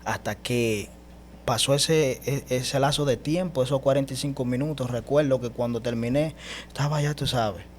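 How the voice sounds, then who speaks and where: A man giving an animated personal testimony as a guest, speaking emphatically and often calling the host brother. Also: mid-range voice, normal speed, slight background noise. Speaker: guest telling his testimony.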